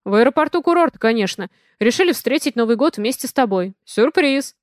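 A woman reading aloud, voicing a cheerful, bossy wealthy father in a brisk manner. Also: on the high side, animated, no room sound, clean studio sound, lightly acted.

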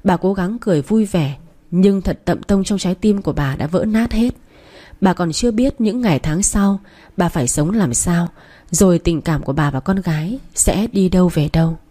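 A woman narrating a story in a calm, steady audiobook style. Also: fairly low pitch.

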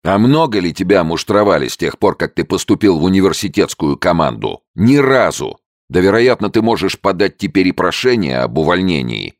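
A man's voice: sits low, big pitch swings, a little fast, few pauses, no room sound, studio quality, pitched above the performer's own voice. A man voicing a young male soldier who argues heatedly and insistently. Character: agitated young male soldier, pushy persuader.

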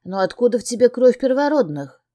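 A woman's voice: a little high, sing-song, brisk, dark tone, no echo, studio quality, voice pushed up. A woman voicing a stern, brooding male mage teacher. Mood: probing. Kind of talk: audiobook character voice.

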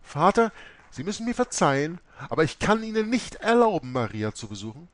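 A man's voice: fairly high pitch, sing-song, a little fast, no echo, voice pushed up. A man reading an audiobook, voicing an indignant, commanding female convent head who scolds sharply. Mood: stern.

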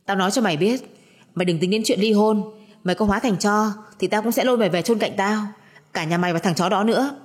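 A woman's voice: medium pitch, quick pace, big-room sound, lightly acted. A woman voicing a violent, threatening young husband in a spoken audio story, with harsh, menacing delivery.

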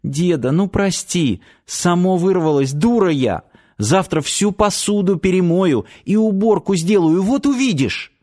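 Guy doing a sulky headstrong teen girl, pitched way up high, storybook reading. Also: big pitch swings, normal speed. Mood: defiant. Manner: pouty, defiant, raised girlish voice. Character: stubborn fiery teenage girl, red-haired.

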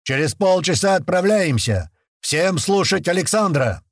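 A man's voice: sits high, animated, measured pace, no room sound, clean studio sound, pitched above the performer's own voice, heavily acted. A man voicing a commander barking parade orders at his troops. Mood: commanding. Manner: bellowing drill commands.

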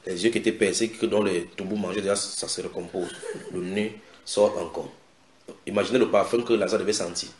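A man preaching a sermon, breaking into loud dramatic voices for the people in the story. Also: low voice, steady tone, a little fast, roomy sound, a little hiss or hum. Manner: dramatic, acts out biblical voices with sudden loud shouts.

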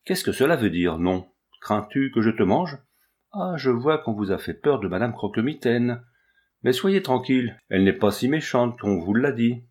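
Voicing an impoverished old female ragpicker, this man uses a medium pitch, lively intonation, and a moderate, near-everyday delivery. Her brusque scolding gives way to warmth, the mood shifting from gruff to coaxing.

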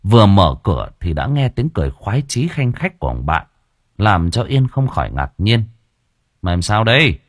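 A man narrates a story with a low voice and a lively, animated reading. The sound is close and dry, with no room echo. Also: normal speed. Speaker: audiobook narrator.

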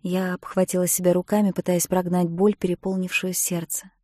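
A woman reading an audiobook in the first person, expressive, moving between hushed and loud passages, close to the mic. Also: on the low side, brisk, dry recording. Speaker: audiobook narrator. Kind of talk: scripted narration.

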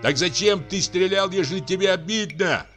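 A man voicing a pompous, sanctimonious landowner gentleman who scolds in a high, drawn-out tenor. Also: faint music behind. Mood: stern.

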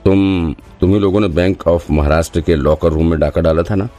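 A man's voice: low-pitched, fairly even intonation, brisk, warm tone, soft background music, natural voice. A man voicing a fierce, threatening female police officer in an audiobook. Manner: harsh, threatening.

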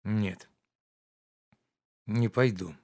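A peevish, fretful nobleman, as a male narrator puts him on, his low voice climbing sharply whenever he loses patience. He scolds and worries by turns, like a lazy master in an old audiobook. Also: extremely slow, a little mellow. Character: anxious idle nobleman, fretful and irritable.

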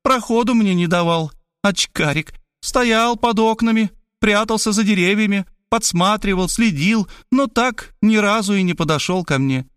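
A man's voice: high-pitched, moderate pace, a bit bright, clear, resonant tone, dry recording, clean studio sound, voice pushed up. A man reading an audiobook, voicing a brash, bossy grown woman who scolds and commands impatiently. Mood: mocking, reproachful. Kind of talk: audiobook character voice.

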